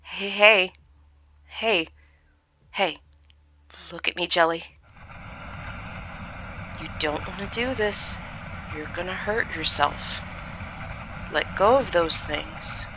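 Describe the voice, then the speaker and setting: A woman voicing a lonely, gentle young man in a forest, in a whispered role-play with a hushed, pleading voice. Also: on the low side, takes it slowly, pauses often, background noise.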